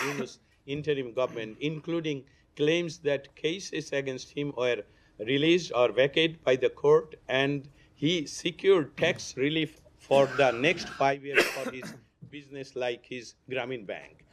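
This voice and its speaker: Hoarse reporter asking formal questions. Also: male voice, medium pitch, slight background noise. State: hoarse, lost voice. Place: briefing room.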